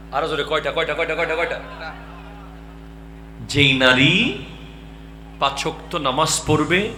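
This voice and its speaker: A man's voice: fairly high pitch, reverberant, slight background noise. A man preaching an impassioned sermon to a gathering, urging the crowd to call back. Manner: rising to impassioned shouts, calls crowd to respond. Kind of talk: Bengali waz sermon.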